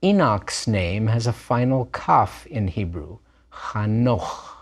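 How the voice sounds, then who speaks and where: A man's voice: fairly low pitch, sing-song, slow pace, slightly rough. A man teaching a language lesson, explaining letters patiently and step by step. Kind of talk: recorded lesson narration.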